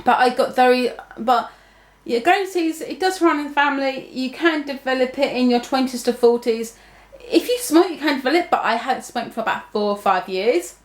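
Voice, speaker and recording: This vlogger's voice sits high and her pace is moderate. She is a young woman addressing her viewers casually on camera, with rambling speech full of fillers and restarts, in an echoey room.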